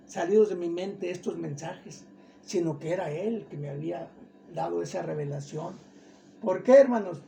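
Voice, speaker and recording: A middle-aged preacher with a high, heavily gravelly voice delivers a fervent sermon. His tone is mellow and warm, and he keeps putting rhetorical questions to his listeners. A faint hiss of noise sits under the recording.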